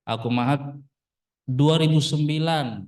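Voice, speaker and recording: Speaking at a measured pace, this ustadz has a fairly high voice with a darkish tone, picked up by a distant mic. The thirtyish Arabic teacher runs a casual religious lesson, calling his listeners brothers and asking them rhetorical question after rhetorical question.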